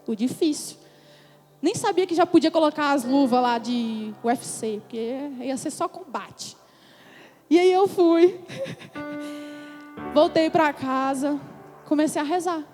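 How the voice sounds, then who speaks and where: A young woman on a church congress stage, telling her conversion story with animated storytelling and acting out her own past words. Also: sits high, takes it slowly, long pauses. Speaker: testimony speaker at a church congress. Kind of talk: emotional religious testimony. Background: music.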